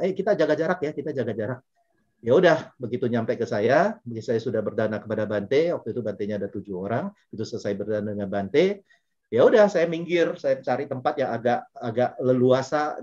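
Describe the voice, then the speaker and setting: A man's voice: medium pitch, warm tone. A middle-aged man giving a Buddhist dharma talk, telling personal stories in a conversational way with frequent fillers and self-corrections. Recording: dull lo-fi recording.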